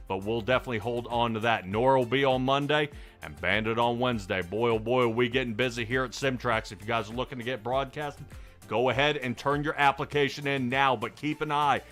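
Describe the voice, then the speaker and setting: A man with a medium-pitched, slightly bright voice hosts a sim racing broadcast. He interviews a driver and rambles through upbeat commentary full of restarts.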